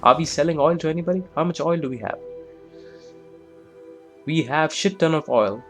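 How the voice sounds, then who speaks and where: A boastful Russian leader, as a man puts him on, with a thick put-on Russian accent. He rallies his troops in a bombastic way and pitches his voice well above his usual register. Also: normal speed, faint music behind, lightly acted. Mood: rousing. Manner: bombastic, rallying.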